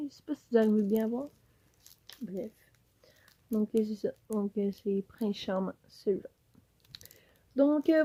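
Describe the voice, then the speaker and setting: A woman's voice: mid-range voice, dark tone. A woman with a Quebec French accent chatting through a casual giveaway unboxing in her home office, rambling and upbeat. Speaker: YouTuber. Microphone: camera mic.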